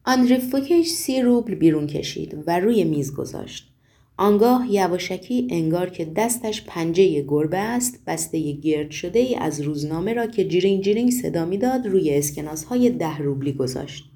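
Audiobook narrator: woman, mellow warm tone, measured steady reading. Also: lowish voice. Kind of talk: storybook narration.

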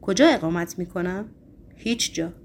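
A woman voicing a sly, volatile foreign male professor in a storybook reading, shifting between mocking calm and pleading. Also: fairly low pitch, close to an everyday voice.

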